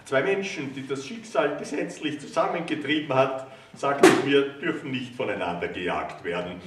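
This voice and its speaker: A man reading a cabaret story in a wry, lively storytelling manner. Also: medium pitch, moderate pace, heavy background noise. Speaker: reader. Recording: roomy hall, distant mic.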